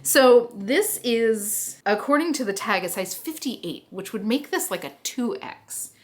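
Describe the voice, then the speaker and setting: A woman's voice: a little high, expressive, measured pace. A woman with a Philadelphia accent chatting casually to camera about thrifted clothes she plans to resell, enthusiastic and full of "like" and "you know". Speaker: reseller vlogger. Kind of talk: casual haul chat to camera.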